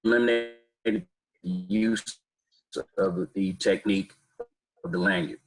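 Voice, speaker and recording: Read this as a man, a police chief, answering forum questions over a video call whose audio keeps breaking up, so your phrases come through halting and fragmented. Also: deep voice, steady tone, soft background music, low-quality recording. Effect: choppy, cutting-out video call audio.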